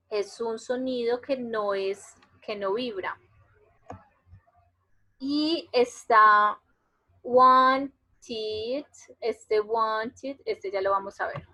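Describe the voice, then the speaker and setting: Slow, bright-voiced woman teaching English. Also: a little high, poor audio. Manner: slow, patient explaining, repeats words to model pronunciation. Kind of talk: online class lecture. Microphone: computer mic on a web conference.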